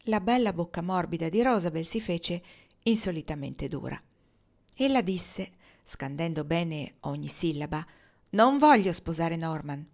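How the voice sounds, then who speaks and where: A woman narrating a novel in a measured, expressive reading voice. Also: on the low side, gravelly. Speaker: audiobook reader.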